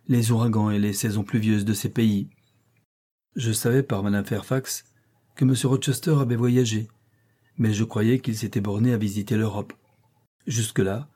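A man narrating a classic novel as an audiobook, in a measured, steady way. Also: on the low side, slightly rough. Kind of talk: scripted narration.

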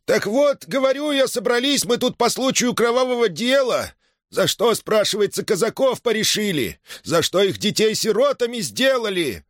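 A man reading an audiobook, voicing an agitated old Cossack man who shouts with a voice breaking with emotion. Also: a little high, big pitch swings, fairly quick, no room sound, clean studio sound, voice pushed up. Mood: indignant.

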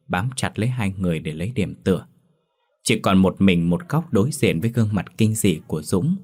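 A man narrating a ghost story in a steady, grave storytelling manner. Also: sits low.

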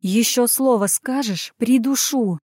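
A woman's voice: on the high side, darkish tone, no echo, studio quality, lightly acted. A woman voicing a brash young heroine who gives blunt, commanding orders. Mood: threatening. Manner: commanding, blunt, quick-tempered.

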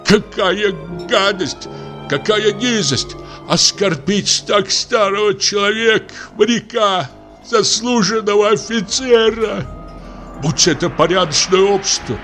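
A man's voice: slow, fairly bright tone, soft background music. A man voicing a pompous, hard-of-hearing old retired navy captain who barks ship's commands in an audiobook play. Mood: outraged. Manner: booming sea commands, mishears everything.

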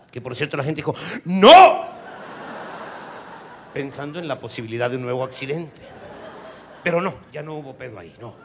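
A man with a Mexican Spanish accent telling a profane comic story, drawing out punchlines and jumping into high voices for the people he quotes. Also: sharp tone, slight background noise. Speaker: stand-up comedian.

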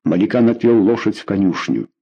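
Husky low-voiced male audiobook narrator. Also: fairly quick, warm tone, highs cut off.

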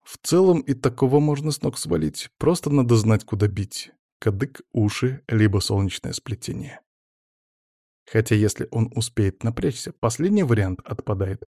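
A man narrates a story in the first person, calm and measured, at an ordinary mid pitch. The recording is dry with no room sound. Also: no room sound. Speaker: audiobook narrator.

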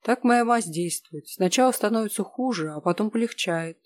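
A narrator voicing a sturdy old man who speaks in a rumbling, sympathetic, folksy way. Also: lively intonation, moderate pace, close to an everyday voice. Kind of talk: audiobook character voice.

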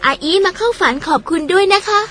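A woman voicing a chatty, spirited young woman in an audio drama. She talks in a lively, polite, gossipy way and is quick to get indignant. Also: very high voice.

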